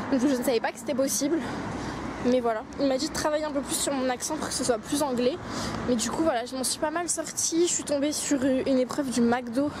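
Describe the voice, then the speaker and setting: A young woman with a high voice vlogs her day over some background noise, chatting directly to viewers and at times dropping to a whisper. The casual day-in-the-life video moves between outdoors and home.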